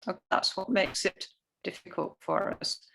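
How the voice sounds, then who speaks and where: A woman's voice: medium pitch, huge pitch swings, measured pace, sharp tone, slight background noise, low-quality recording. A woman who teaches Ayurveda, explaining things earnestly with plenty of fillers during a talk over a video call. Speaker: Ayurveda educator.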